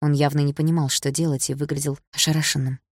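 A woman narrates a first-person audiobook in a low, husky voice. Her telling is intimate and tense. The sound is dry and close to the mic. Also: little pitch movement, fast talker, no room sound. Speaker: audiobook reader.

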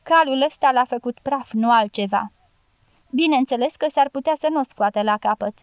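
A woman narrating an audiobook in a steady, measured reading. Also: sits high, clean tone, no room sound. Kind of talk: scripted narration.

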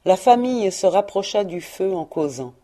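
Mellow-voiced woman reading a tale. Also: medium pitch, animated, moderate pace. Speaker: audiobook reader. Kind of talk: audiobook narration.

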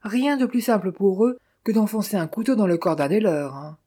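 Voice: medium pitch, animated, moderate pace, mellow, pitched above the performer's own voice, close to an everyday voice. A narrator voicing a coarse, bullying police captain who talks sarcastically and blusters. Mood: blustering. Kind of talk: audiobook character voice.

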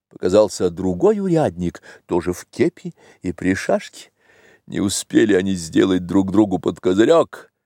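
A man reading a literary novel aloud, with expressive, measured narration. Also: fairly low pitch, vocal fry, no room sound, clean studio sound. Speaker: audiobook reader.

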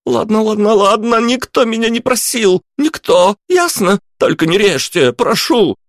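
A man's voice: mid-range voice, sing-song, takes it slowly, no echo, voice pushed up. A frightened, spoiled young rich boy, as a male reader puts him on, stammering and whining for mercy. The voice is pushed well above the reader's own, thin and pleading. It is heard in a dry, close audiobook recording. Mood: begging. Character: terrified young man, rich boy, cowardly. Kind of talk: audiobook character voice.

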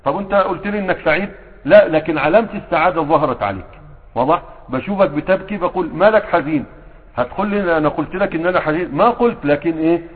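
A man's voice: fairly high pitch, very fast. A man with an Egyptian accent teaching a grammar class, constantly quizzing his students with rhetorical questions. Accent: Egyptian Arabic. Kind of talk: classroom lesson. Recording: tinny phone-like sound with long hall reverb.

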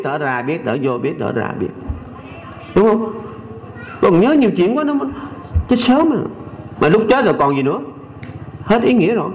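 Older monk with a Southern Vietnamese accent and a high voice, folksy and teasing in a sermon, slowing down to recite and sing verses. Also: male voice, rough recording. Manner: folksy, teasing, keeps asking the audience "right?". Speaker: Buddhist monk. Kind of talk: Dharma talk to a lay audience.

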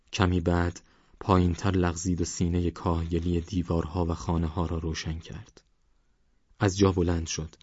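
A man narrating a novel as an audiobook in a measured, even storytelling manner. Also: low voice, slightly rough, no echo. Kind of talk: scripted narration. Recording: dry, slightly dull recording.

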